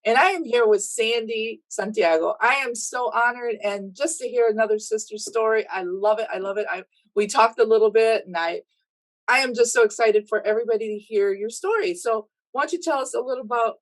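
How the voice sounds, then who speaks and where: A woman's voice: fairly high pitch, brisk, poor audio. A woman who is a chamber of commerce president, introducing her guest with enthusiasm. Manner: warm, enthusiastic. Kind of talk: interview introduction.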